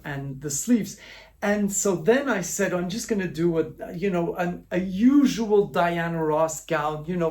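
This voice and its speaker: A man's voice: fairly high pitch, darkish tone. A man, a designer hosting his own channel, talking in a chatty, affectionate way about his gowns and often restarting his sentences, recorded in his living room at home. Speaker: gown designer and channel host. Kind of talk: casual show-and-tell vlog.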